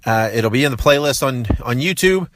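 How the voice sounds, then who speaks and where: A man's voice: medium pitch, expressive, a little fast, a bit bright, no echo. Rambling male podcast host, dry sound. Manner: rambling with many fillers and restarts. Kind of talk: casual podcast monologue.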